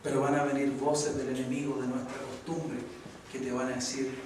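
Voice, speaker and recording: A man's voice: medium pitch, level tone, moderate pace. A male pastor preaching a sermon and asking the congregation rhetorical questions. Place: church hall. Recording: echoey church, distant mic, noisy.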